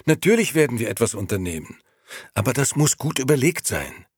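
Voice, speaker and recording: A man's voice: medium pitch, big pitch swings, brisk, breathy edge, dry recording, studio quality, voice pushed up. A man voicing a young male storyteller who answers evasively and pleads in a frightened, hasty way in a storybook reading. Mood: anxious.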